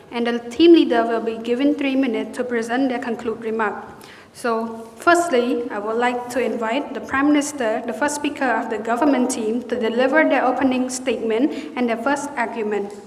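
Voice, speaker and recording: A young woman moderating a debate in a formal, careful, slightly halting way. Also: on the high side. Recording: roomy hall reverb.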